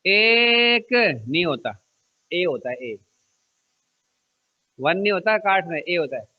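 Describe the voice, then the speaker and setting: A man with a high voice teaches a math lesson at an unhurried pace, asking the class questions and then answering them himself. He repeats key numbers and slips in small jokes. The recording sounds slightly dull and lo-fi. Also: expressive.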